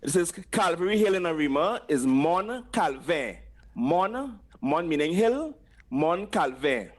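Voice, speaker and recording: A man with a fairly high voice leads a patois lesson on air. He is patient and repeats each word so listeners can say it back. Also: sing-song, a little slow. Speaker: patois teacher. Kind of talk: teaching place names on air.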